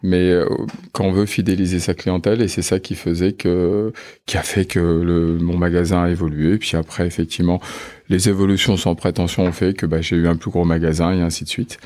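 The speaker, a funeral home manager from France in his fifties, talks briskly in a low, slightly mellow voice with little pitch movement. It's a casual interview chat, marked by many hesitant filler sounds.

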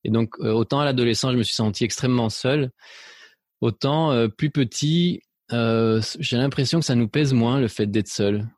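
A middle-aged interview guest from Spain looks back on his life, hesitating with fillers and restarts, his accent mixed French with a slight Belgian touch. He speaks at normal speed in a mid-range, darkish voice, recorded in clean studio sound with no echo.

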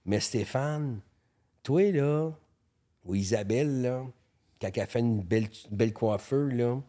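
A man in his late fifties with a Quebec French accent tells his stories in casual, lively interview chat. He swears freely, stumbles into quick restarts, and speaks at an ordinary middle pitch. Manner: animated storyteller, frequent swearing and stammered restarts. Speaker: photographer guest.

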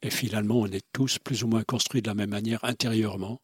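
A man's voice: fairly low pitch, steady tone, fast talker, husky, no echo, clean studio sound. A man telling travel stories as a guest, enthusiastic and expansive, with frequent hesitations. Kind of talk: conversational storytelling.

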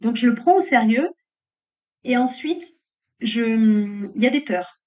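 A woman's voice: on the high side, lively intonation, unhurried, warm tone. A middle-aged woman entrepreneur speaking reflectively and earnestly as an interview guest. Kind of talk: casual interview conversation. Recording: muffled lo-fi audio.

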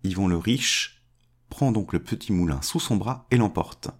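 A man reading a fairy tale aloud as a storyteller, changing his pitch to give each character a voice. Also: moderate pace.

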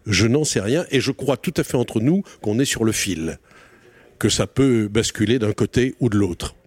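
Male guest, low voice, halting and restarting, dry mic. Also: expressive, darkish tone, husky, no room sound. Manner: hesitant, many fillers and restarts. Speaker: interview guest, author. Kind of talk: casual interview chat.

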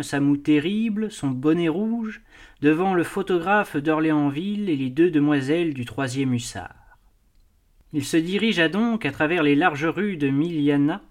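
A man reading a classic novel aloud as an audiobook, with expressive, measured storytelling. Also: on the high side. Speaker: audiobook reader. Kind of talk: scripted narration of a classic novel.

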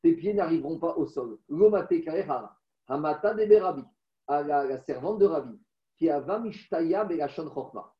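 High-voiced man teaching a text class. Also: lively intonation, normal speed. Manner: chants text aloud, then explains with stories. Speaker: religious teacher. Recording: roomy, distant, dull recording.

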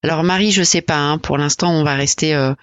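A woman in her forties from France, a podcast guest talking reflectively and hesitantly about her life, with many pauses and fillers. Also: sits low, fairly even intonation, no room sound. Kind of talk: personal interview conversation.

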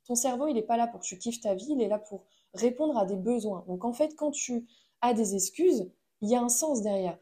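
A woman's voice: a little high, animated, brisk, dark tone. A woman giving a casual motivational talk in French, chatty and addressing the listener directly, with frequent fillers.

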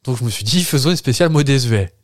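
A man's voice: mid-range voice, lively intonation, fast, no echo. A man with a Moselle accent co-hosts a podcast in a studio, talking straight into the microphone. His voice is dry and close, with no room sound, and it sits in an ordinary middle register. He teases his partner and wanders off into rambling asides. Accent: Moselle French. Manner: playful and teasing, rambling asides. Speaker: podcast co-host. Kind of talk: casual chat. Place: studio with a producer present.

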